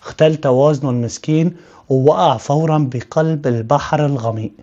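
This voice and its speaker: A man's voice: fairly high pitch, fairly quick, background noise. A man with a Syrian accent narrating a true story in colloquial speech, talking straight to his listeners. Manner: addresses listeners directly, colloquial. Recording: slightly dull lo-fi sound.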